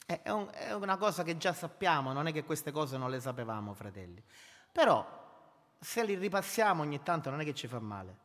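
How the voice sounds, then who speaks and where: A man's voice: on the high side, big pitch swings, fairly quick, fairly bright tone, in a large hall. A man preaching a sermon, emphatic and repetitive, calling his listeners brothers. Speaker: pastor.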